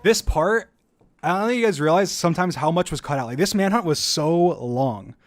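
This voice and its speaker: A young man casually commenting on his own gameplay video, rambling with lots of "like" and quick restarts. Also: a little high, lively intonation, soft background music. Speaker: YouTuber reacting to own video.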